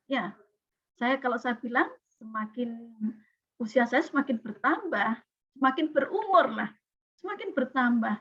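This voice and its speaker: A woman teaches a class in a lively way, checking in with her students as she goes. Her voice sits high. The recording sounds dull and lo-fi. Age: 40s. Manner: lively, questioning students often. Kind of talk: classroom lecture.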